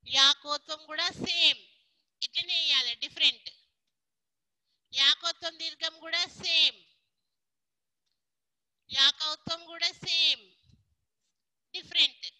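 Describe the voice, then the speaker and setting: Very high bright teacher lady, patient and coaxing with little kids. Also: fairly even intonation, slow, pauses often, dry recording, poor audio. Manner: patient, coaxing, mixes in English words. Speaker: primary school teacher. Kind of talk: online class lesson.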